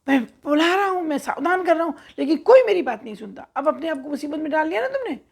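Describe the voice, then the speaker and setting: A woman's voice: a little high, fairly even intonation, a little slow, vocal fry, dark tone, breathy edge, heavily acted. A woman doing a scolding storybook crow. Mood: exasperated. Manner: scolding, exclaiming. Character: scolding male crow, fretful and exasperated.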